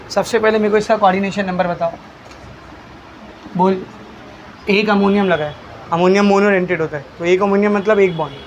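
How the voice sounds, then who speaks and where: A man's voice: sits high, slight background noise. A male chemistry teacher, lecturing a class, asking questions and answering them himself, calling students "beta". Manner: quizzes students, answers his own questions; calls students beta, coaxing.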